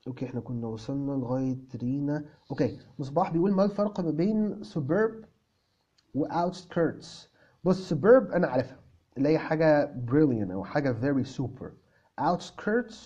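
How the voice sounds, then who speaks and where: A man from Egypt with an Egyptian Arabic accent, teaching English by answering viewer questions in an animated way, repeating words for emphasis and mixing English terms into his Arabic. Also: fairly high pitch, husky, lo-fi sound.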